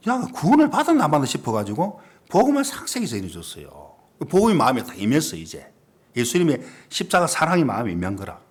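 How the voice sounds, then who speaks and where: Older pastor guy telling a story in a sermon, husky, voice goes all over the place, drops to a whisper then booms. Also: huge pitch swings, fast. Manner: storytelling, swinging between hushed asides and loud emphatic preaching. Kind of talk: sermon with acted dialogue.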